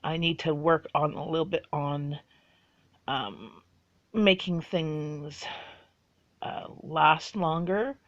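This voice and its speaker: A woman's voice: low voice, takes it slowly, pauses often, highs cut off. A woman, chatting casually through a list of facts about herself and rambling with fillers. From Bahamas. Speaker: vlogger.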